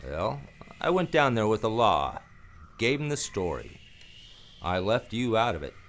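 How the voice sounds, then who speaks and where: Over guitar music, a man acting in a noir radio play narrates in the first person as a sardonic, weary private eye, his lines terse, wry and probing. He speaks at a measured pace in a fairly low, slightly bright voice that is very animated, with slight background noise.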